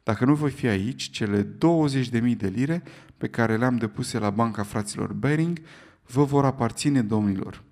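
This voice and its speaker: A man voicing a calm, precise English gentleman who speaks in a cool, clipped, unflappable way in an audiobook reading. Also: medium pitch, natural voice. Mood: composed.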